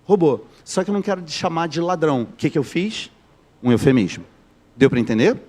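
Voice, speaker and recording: A man's voice: a little high, expressive, fairly quick, a little mellow. A man from Rio de Janeiro with a Carioca accent, teaching a live online class, joking and quizzing his students as he goes. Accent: Carioca Brazilian Portuguese. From Rio de Janeiro, Brazil.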